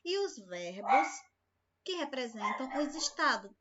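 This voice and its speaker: A woman's voice: high-pitched, very animated, unhurried, lo-fi sound, very noisy. A woman teacher giving a recorded remote lesson, patient and speaking to the class with many questions. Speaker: school teacher.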